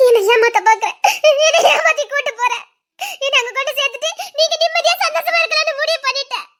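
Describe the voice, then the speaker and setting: In an emotional web drama, an actress plays a young mother grieving her lost child, speaking fast in a very high, shrill voice with a Tirunelveli Tamil accent. Hysterical and sobbing, she bursts into bitter, tearful laughter and shouting as she accuses those around her.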